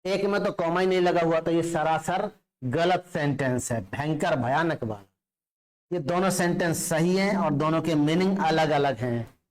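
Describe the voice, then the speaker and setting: A man's voice: a little high, normal speed. A male chemistry teacher giving a classroom lecture, explaining step by step and often checking that students follow.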